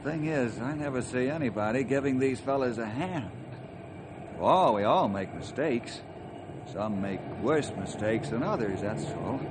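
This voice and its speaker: A kindly ranger from an old western radio serial, played by a man, with an American accent and a medium-pitched voice. He is earnest, folksy and reassuring, over clear background noise. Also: animated, measured pace, natural voice. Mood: earnest, calm. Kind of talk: old-time radio drama acting. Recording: noisy old radio drama recording.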